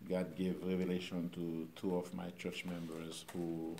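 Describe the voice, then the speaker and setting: A middle-aged Haitian pastor with a Haitian accent, speaking informally to a church group in a halting way, with many pauses and fillers. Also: male voice, sits low, monotone, background noise.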